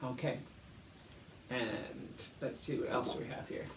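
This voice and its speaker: A man teaching a primary school music lesson, explaining clearly and patiently and chanting rhythms aloud. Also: medium pitch, steady tone, slow. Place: classroom. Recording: echoey room, mic at a distance, faint noise.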